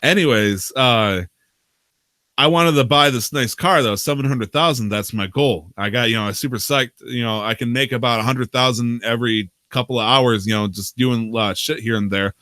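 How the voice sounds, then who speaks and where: A man's voice: mid-range voice, normal speed, pushed and bright, dry recording, clean studio sound. A man hosting a podcast, casually telling a long, profane, rambling story about his roleplay game character, laughing often. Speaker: podcast host.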